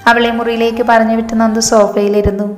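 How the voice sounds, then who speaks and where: A woman storyteller reading a romance story aloud in a steady, even way. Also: a little high, quick pace. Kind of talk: scripted story narration. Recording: echoey reverberant room, faint music.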